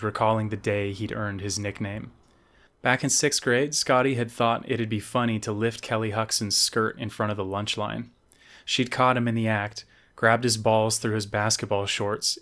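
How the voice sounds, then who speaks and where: A man with a fairly low voice reads his own novel aloud in a measured, storytelling manner. His narration is steady and scripted, carrying a dark coming-of-age tale. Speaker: novelist reading his book.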